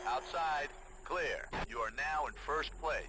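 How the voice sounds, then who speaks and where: Casting: racing game spotter, slightly higher-pitched man, short repetitive radio callouts, businesslike, buried in heavy vehicle noise. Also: a little slow. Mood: businesslike, alert. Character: male race spotter in a racing video game, alert and businesslike. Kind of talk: race spotter radio calls. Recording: very noisy, loud car engine.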